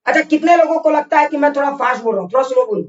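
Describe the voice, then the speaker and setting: A man's voice: very high voice, animated, very fast, lo-fi sound. Scolding male physics teacher in a distant, roomy recording. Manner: scolding, repetitive drilling with constant check questions. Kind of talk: online class lecture. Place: online class over internet.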